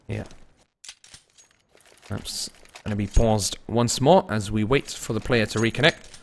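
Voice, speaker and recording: A little slow and creaky-voiced, a man calls the action alone on a live game stream, chatting casually with viewers between plays and moving from excitement to a more subdued tone. The recording is noisy with game gunfire and clicking.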